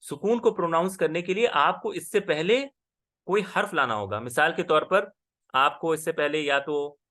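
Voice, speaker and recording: A man with a somewhat high voice teaches a class. He explains patiently and keeps pausing to check that the student is following. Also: pushed and bright. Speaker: Arabic grammar teacher. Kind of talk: online class lesson.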